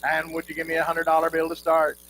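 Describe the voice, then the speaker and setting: A male auctioneer delivers a rhythmic bid-calling chant, looping numbers over and over with the odd folksy aside. His voice sits fairly high and stays within a narrow, steady range. It is a live recording with a clear hum behind him. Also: fast talker. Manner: repetitive rolling number patter, folksy asides to the crowd.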